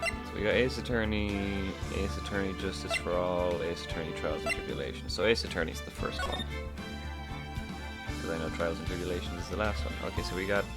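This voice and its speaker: A man's voice: sits low, a little fast, loud music behind the voice. A man giving casual, offhand gameplay commentary as a streamer, muttering to himself.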